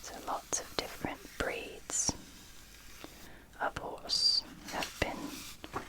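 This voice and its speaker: ASMR host for book read-through: library whisper, fully unvoiced, unhurried, gentle, short phrases with pauses. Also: rough recording. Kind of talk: whispered ASMR, reading and commenting on a picture book.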